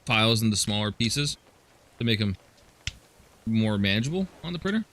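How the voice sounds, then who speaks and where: A man's voice: lowish voice, very animated, brisk, a bit bright. A man chatting casually on a livestream while he plays a game, joking and often stammering as he restarts his sentences. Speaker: streamer.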